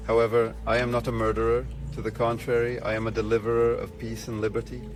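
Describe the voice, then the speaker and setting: A man's voice: medium pitch, completely flat delivery, quick pace, close to an everyday voice. A man voicing a grave, formal stalker letter writer. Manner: formal, archaic, grave reading. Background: music.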